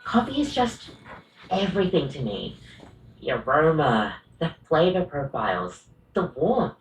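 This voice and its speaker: A woman's voice: deep voice, sing-song, measured pace, reverberant, recorded from a distance, full character voice, low-quality recording. A woman voicing a rambling, coffee-obsessed female coffee machine barista in a video game, often apologizing and correcting herself.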